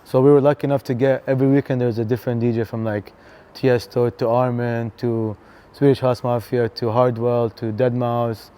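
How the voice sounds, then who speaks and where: A man from Canada, a DJ talking casually in an interview, relaxed and chatty with lots of fillers. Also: mid-range voice, a little fast, clean tone. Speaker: DJ and venue co-founder, guest.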